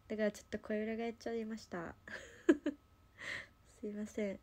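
A woman's voice: fairly high pitch, little pitch movement, a little slow, darkish tone. A young woman with a Kansai accent, chatting casually on a livestream and rambling through a story with lots of fillers. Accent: Kansai Japanese. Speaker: idol livestream host.

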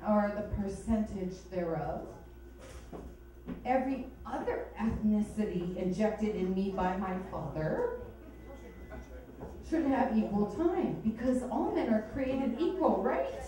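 A woman's voice: mid-range voice, animated, takes it slowly, dark tone. A woman comedian from Hawaii doing a stand-up set on a comedy club stage with sardonic, bawdy punchlines. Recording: echoey club sound from far off.

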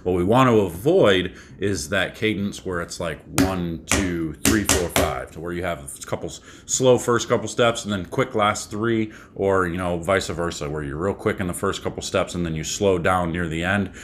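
A man in his thirties, a bowling coach, giving a casual tip to camera from a small room at home, talking in a relaxed, rambling way with fillers and restarts. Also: sits low, normal speed, hardly any pauses, noisy background.

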